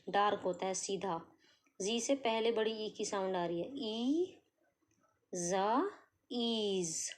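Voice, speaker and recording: A woman teaching shorthand step by step, asking questions and answering them herself, sounding out letters slowly. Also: a little high. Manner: explains patiently, asks and answers her own questions, sounds out letters slowly. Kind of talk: step-by-step tutorial.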